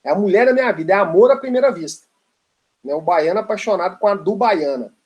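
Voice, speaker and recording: A man's voice: sits high, expressive, fast talker, highs cut off. A man delivers an informal law lecture. He tells a playful story with frequent tag questions and asides.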